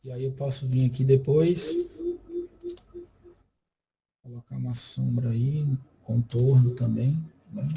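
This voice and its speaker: A man giving a screen-recorded software lesson, explaining step by step and checking in often with his viewers. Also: medium pitch, steady tone, takes it slowly, vocal fry, pauses often, slight background noise, low-quality recording. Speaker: software instructor.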